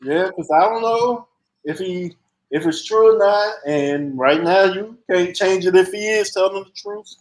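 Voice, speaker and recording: A man's voice: high-pitched, unhurried, rough recording. A man co-hosting a casual boxing chat, throwing in profane, laughing side comments. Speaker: podcast co-host.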